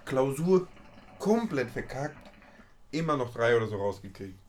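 A young man in his twenties in a loose, casual chat, his voice sitting at an ordinary middle pitch. He tells stories from his school days in a slangy, swear-filled way, with a faint hum of ambience in the background. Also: very animated, moderate pace. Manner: slangy storyteller, swears freely.

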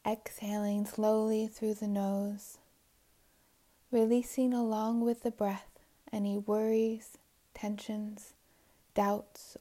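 With a mid-range voice, a woman leads a calm, unhurried guided meditation. Long silences separate her phrases, which close on a soft, breathy note.

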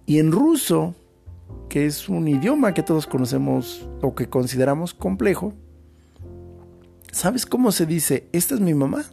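A man's voice: on the high side, sing-song, unhurried, vocal fry, dark tone, soft background music. A Mexican man hosting a podcast, talking through a casual, thoughtful monologue with slangy asides. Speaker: podcast host. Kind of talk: reflective monologue.

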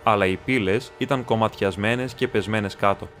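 A man narrating an audiobook in a measured, steady storytelling manner. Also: on the low side, faint music behind. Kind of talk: scripted narration.

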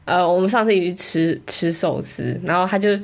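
Young woman, somewhat low voice, fast speech, indignant, complaining. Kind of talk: casual chat.

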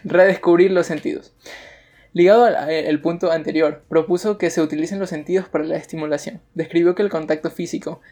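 A man's voice: fairly high pitch, fairly even intonation, a little fast, darkish tone. Young man reading out tips and joking. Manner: crude, joking, laughs between reads. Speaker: podcast co-host. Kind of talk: casual joking chat, reading out news tips.

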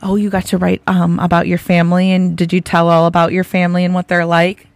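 A woman hosting a school podcast in a hoarse, raspy voice, pitched slightly low. She speaks in simple, encouraging questions and repeats answers back. The recording is dry and close. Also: completely flat delivery, fast, no room sound. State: hoarse from laryngitis. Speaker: podcast host, school teacher or librarian. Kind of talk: friendly podcast interview with children.

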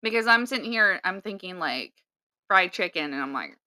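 Young woman, podcast co-host, bright and forceful tone, dry close sound, hesitant restarts. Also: fairly low pitch, expressive, moderate pace, no room sound. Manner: hesitant, trailing off with many restarts. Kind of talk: casual chat.

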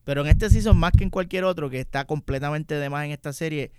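A man's voice: on the high side, fast, darkish tone, slight background noise. A man co-hosting a casual podcast chat, crude and mocking, acting out quoted lines in silly voices. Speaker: podcast co-host.

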